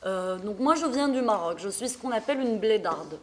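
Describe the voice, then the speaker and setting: A woman from Morocco giving an earnest, halting talk at a small debate, with many fillers and restarts. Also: medium pitch, animated, a little hiss or hum. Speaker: panel speaker.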